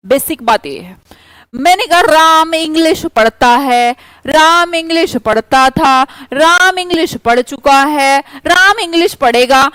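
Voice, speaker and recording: A woman teaching English grammar in an online class, briskly pushing students to answer quickly. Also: high voice, expressive, a bit bright, no room sound, low-quality recording.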